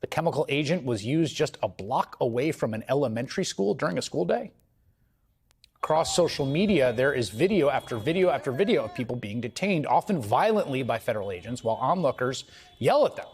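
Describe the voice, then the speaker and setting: A man's voice: medium pitch, very animated, fairly quick, a little mellow, slightly rough. A man anchoring a news broadcast, reading a scripted report with earnest emphasis from a studio.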